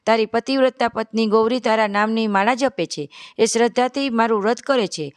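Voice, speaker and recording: A woman reading as a gentle motherly goddess. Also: fairly high pitch, a little fast, no echo, natural voice. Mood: soothing. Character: kind, motherly goddess blessing her devotees.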